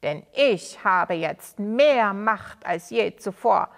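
A woman reading a children's story, voicing a spiteful, triumphant old male sorcerer who speaks loudly and gloats. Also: sits high, expressive, takes it slowly, gravelly, exaggerated voice. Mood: gloating. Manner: loud and gloating.

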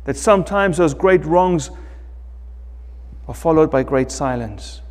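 Middle-aged man, pastor, sermon, slow deliberate preaching, long church-hall reverb. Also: fairly high pitch, lively intonation. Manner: slow, emphatic preaching with wide swings in loudness. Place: church sanctuary, indoors, preaching at a lectern.

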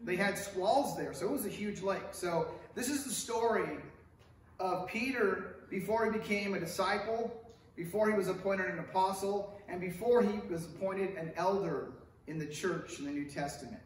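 A middle-aged man from Hollywood, California preaches a conversational sermon at a lectern in a church sanctuary with a stone wall, animated and gesturing widely while asking the congregation questions. His voice sits high at a normal speed, with slight background noise. A stand mic is at the lectern, but the camera is far off, so the sanctuary sounds very echoey.

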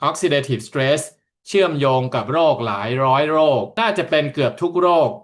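A man interpreting a talk into another language in steady, continuous stretches after each passage. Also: on the high side, unhurried. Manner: steady, continuous rendering of the speaker's points. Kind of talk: consecutive interpreting.

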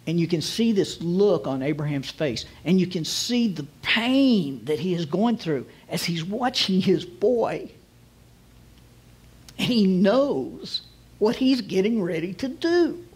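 Husky man telling a sermon story. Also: sits high, very animated. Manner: vivid retelling, drops to slow emphatic phrases. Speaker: guest rabbi preaching.

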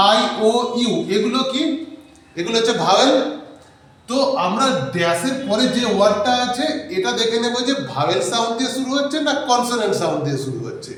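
Male grammar teacher, high voice, quizzes the class, recorded from across a very echoey room. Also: fairly bright tone, distant mic. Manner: asks the class questions and answers them himself, slows to read sentences aloud.

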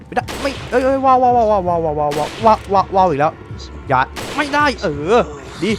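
Male game streamer, fairly high voice, jumpy and excitable, repeats his shouts, slightly sleepy. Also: quick pace, music in the background. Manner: excitable, exclaims and repeats words. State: just woke up, a little drowsy. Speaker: gameplay commentator. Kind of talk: live gameplay commentary.

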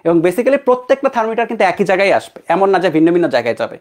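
A man's voice: high-pitched, very animated, very fast. A young man from Bangladesh teaching an online physics class, talking casually and checking in with his students. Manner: conversational, checks in with students often.

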